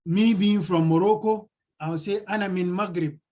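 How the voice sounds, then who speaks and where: Translating a textbook lesson line by line, a male Arabic teacher repeats the key phrases as he explains. His high, mellow voice keeps fairly even intonation at a moderate pace.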